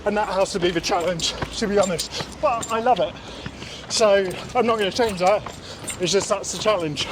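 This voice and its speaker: A man with a high-pitched voice answers interview questions casually as he runs along. He is recorded outdoors in an urban setting, with clear noise around his voice. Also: moderate pace. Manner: talking while running outdoors. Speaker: interview guest. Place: outdoors in an urban area, on the move.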